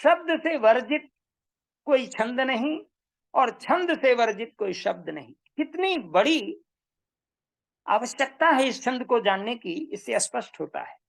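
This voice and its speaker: A woman giving a measured, emphatic lecture on Vedic meter, repeating her key points. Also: fairly high pitch, sing-song, vocal fry. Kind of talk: slow explanatory lecture.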